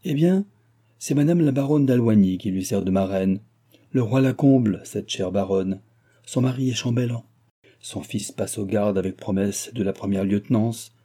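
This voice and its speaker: A man reading an audiobook, voicing an excitable, scheming nobleman with a theatrical, insinuating manner. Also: on the low side, moderate pace, close to an everyday voice.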